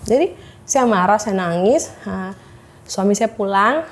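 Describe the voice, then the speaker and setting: A woman's voice: mid-range voice, unhurried. A woman in her thirties telling her own hard story as an interview guest, hesitant, with many fillers, acting out what doctors told her. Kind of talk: emotional personal testimony.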